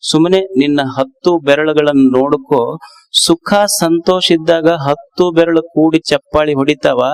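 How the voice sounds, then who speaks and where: A man with a North Karnataka Kannada accent giving a sermon as a swamiji, slow and emphatic, repeating key phrases. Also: on the high side. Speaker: swamiji preacher.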